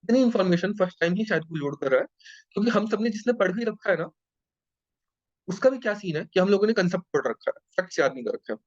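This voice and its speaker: A man teaching an exam-prep class in a lively, joking way, often checking in with his students. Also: high-pitched, quick pace. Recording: dull lo-fi sound.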